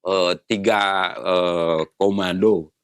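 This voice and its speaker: Man in his 60s, low dry voice. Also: steady tone, drawn-out words, clean tone, dry recording. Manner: explains patiently with rhetorical questions. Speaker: retired navy admiral guest. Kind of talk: casual interview conversation.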